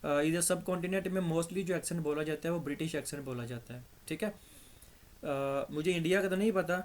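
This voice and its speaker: Pakistani male tutor, slightly raised pitch, slow patient explaining, dryish throat. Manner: patient, step-by-step explaining, repeats examples. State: dry throat. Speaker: English teacher. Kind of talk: grammar lesson.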